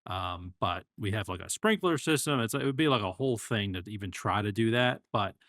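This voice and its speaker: A man's voice: lowish voice, lively intonation, brisk, a bit bright, dry recording, studio quality. A man co-hosting a casual podcast, talking in an easygoing, rambling way with many fillers. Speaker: podcast co-host.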